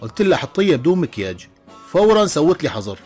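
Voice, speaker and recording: Fast, animated Levantine joke-teller man. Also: fairly high pitch, slightly rough, soft background music. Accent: Levantine Arabic. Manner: animated storytelling, switches into character voices, chuckles. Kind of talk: voiced joke compilation.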